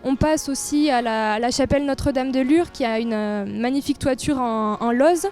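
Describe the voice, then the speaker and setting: A woman representing a tourist office describes local trails in an informal promotional interview, speaking enthusiastically. Her voice is high and a little mellow at a normal pace, with soft music in the background.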